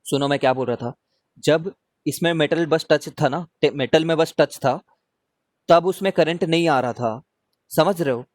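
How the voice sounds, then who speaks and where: A man's voice: on the high side, moderate pace, a little mellow, no room sound. A man teaching a live online revision class, talking casually and often checking in with his students as he answers their questions.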